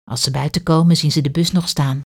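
A woman's voice: low voice, brisk. A woman, reading a children's story aloud expressively. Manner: clear, expressive read-aloud.

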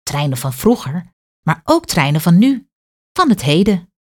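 A woman's voice: on the low side, measured pace. A woman, reading a children's story aloud expressively. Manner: clear, expressive read-aloud.

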